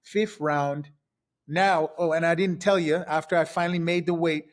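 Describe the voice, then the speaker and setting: A man in his fifties from Trinidad, a podcast guest telling his past in a casual, lively way, step by step. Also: on the high side, normal speed. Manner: lively, recounts events step by step. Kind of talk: casual storytelling.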